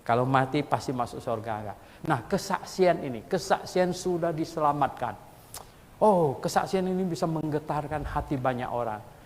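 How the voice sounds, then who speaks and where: Animated preacher man in echoing hall. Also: moderate pace. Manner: lively storytelling, voice leaps high when acting out quotes; colloquial Jakarta-style speech with frequent "gitu". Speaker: pastor. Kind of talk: sermon. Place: church hall. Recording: long church hall reverb.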